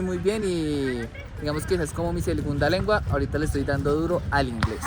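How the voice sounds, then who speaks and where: A young Colombian vlogger with a slightly high voice talks casually to the camera outdoors in a city, rambling easily and often correcting himself, with soft music underneath. He speaks with a Colombian Spanish accent.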